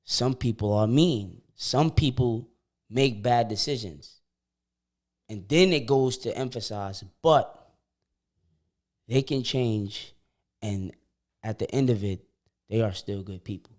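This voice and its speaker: A podcast co-host in his twenties chats casually in a mid-range voice, speaking slowly with long pauses. Full of slang, he often restarts sentences, repeats words as he begins them, and animatedly acts out what people said.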